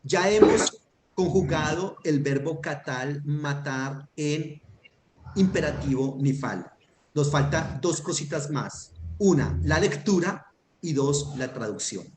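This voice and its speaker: Male teacher, fairly high voice, patient and methodical, keeps checking in with the student; echoey room, faint noise. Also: takes it slowly, a little mellow. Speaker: Hebrew teacher. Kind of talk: online grammar lesson.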